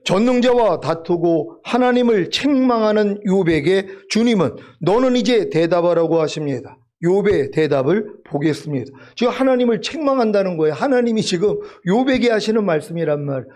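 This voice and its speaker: High-pitched guy preaching, keeps asking rhetorical questions, leads the bible reading back and forth. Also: expressive, moderate pace, hardly any pauses, darkish tone. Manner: emphatic, rhetorical questions, repeats for stress. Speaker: pastor. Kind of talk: sermon with responsive scripture reading.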